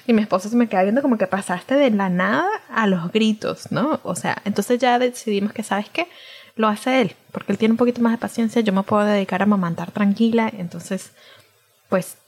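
A woman co-hosting a casual podcast chat, a doctor and mother telling lively stories about parenting. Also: mid-range voice, fairly quick, husky. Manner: animated storytelling, acts out her own exasperated shouts.

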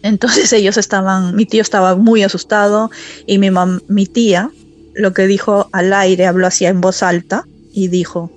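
A woman in her forties with a Peruvian accent, calling in to tell a true story in a soft, halting way with many fillers. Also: mid-range voice, little pitch movement. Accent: Peruvian Spanish. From Peru. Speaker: caller telling a true story. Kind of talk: personal storytelling on a call.

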